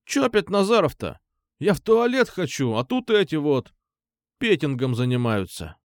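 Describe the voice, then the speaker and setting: A man's voice: fairly high pitch, sing-song, moderate pace, no room sound, clean studio sound, voice pushed up. A man voicing a hulking, coarse teenage school bully who jeers and turns whiny, in a storybook reading. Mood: whining. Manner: jeering, coarse, whiny when caught.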